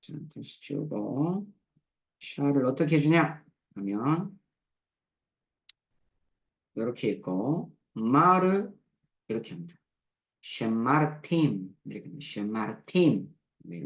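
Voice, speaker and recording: Man teaching grammar, dull lo-fi sound. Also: medium pitch. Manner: patient, repeats syllables slowly for drill. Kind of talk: recorded lecture explaining verb forms.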